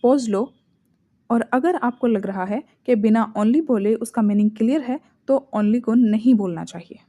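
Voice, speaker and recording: An English teacher with an Indian accent runs a spoken English lesson, giving explanations in Hindi. Her warm, mellow voice sits a little high, and she slows right down to read each English example sentence deliberately.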